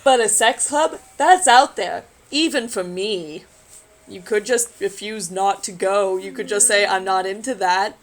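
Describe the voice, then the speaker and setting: A woman's voice: mid-range voice, a little slow, poor audio. A woman reading a magazine story aloud in a casual group chat, adding wry, sarcastic asides.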